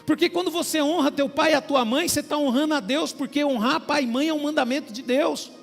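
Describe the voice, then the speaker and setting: Male pastor, sermon delivery, high voice, reverberant church hall with faint music beneath. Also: brisk, creaky. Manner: preaching with small acted-out dialogues and frequent "queridos".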